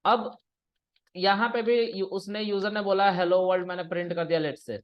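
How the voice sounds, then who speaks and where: A man's voice: high voice, steady tone, normal speed. A man teaching programming in a casual classroom way, explaining step by step and checking that students follow. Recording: dull lo-fi recording.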